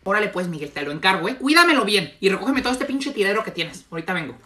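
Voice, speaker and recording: A man's voice: high-pitched, big pitch swings, very fast, voice pushed down, heavily acted. A man with a Mexican accent voicing a short-tempered, cursing mother in a comedy sketch. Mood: scolding. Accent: Mexican Spanish. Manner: yelling, cursing, bossy.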